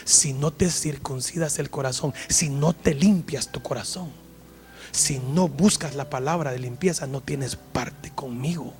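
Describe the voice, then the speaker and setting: A male pastor delivering an impassioned sermon, dropping to hushed tones and rising to loud pleading. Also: medium pitch, unhurried. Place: church service.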